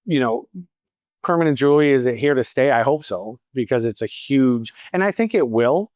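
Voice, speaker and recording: With lively intonation and a darkish tone, a medium-pitched man speaks at normal speed on a dry recording. He's a fifty-something Boston salon owner with a slight accent, answering audience questions and telling stories with wry asides. The setting is a casual Q&A at a training event.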